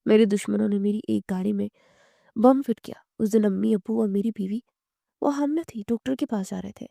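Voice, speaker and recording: A woman voicing a grieving wealthy young man with a low, heavy, tearful murmur in a storybook romance. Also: vocal fry, mellow, dry recording, studio quality, natural voice.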